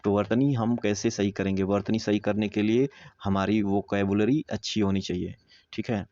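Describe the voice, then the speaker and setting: A man with a low, mellow voice teaches an exam prep lesson, walking through each answer step by step. He repeats words slowly as he explains. The sound is dull and close. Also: fairly even intonation, dry recording.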